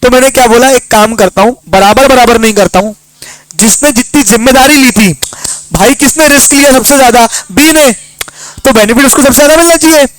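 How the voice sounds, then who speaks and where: A woman teacher giving a lively lesson, telling stories and firing quick questions at her students. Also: on the high side, no room sound, low-quality recording. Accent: Hindi. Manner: storytelling with rapid-fire questions to students. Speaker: commerce teacher.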